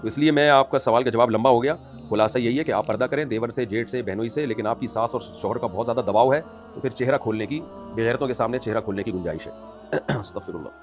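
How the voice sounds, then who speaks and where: A man as an Islamic scholar answering audience questions in an emphatic, scolding way that rises into forceful outbursts. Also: mid-range voice, soft background music. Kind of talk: religious question-and-answer talk.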